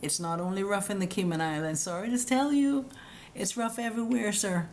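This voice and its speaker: Reading comments on her live stream, a woman explains immigration rules casually, in a direct, chatty, scolding manner, addressing viewers as guys. Her mid-range voice is brisk and a little mellow, recorded through a webcam or phone with slight background noise.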